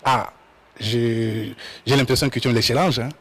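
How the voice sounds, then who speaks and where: Friendly male TV host, halting. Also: medium pitch, steady tone, a bit bright, breathy edge. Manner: friendly, hesitant with repeated words. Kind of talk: studio interview. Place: TV studio.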